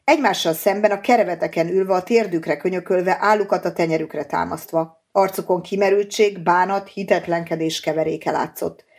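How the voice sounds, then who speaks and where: Woman audiobook narrator, husky, measured, lower pitch. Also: fairly even intonation, a little mellow.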